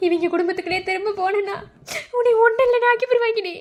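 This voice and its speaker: ஒரு பெண் பேசும் கெஞ்சும் மதுரை வட்டார அம்மா. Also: female voice, extremely high pitch, fast talker. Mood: pleading. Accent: Madurai Tamil. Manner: pleading, tearful. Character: anxious loving middle-aged village mother. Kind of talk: cartoon voice acting.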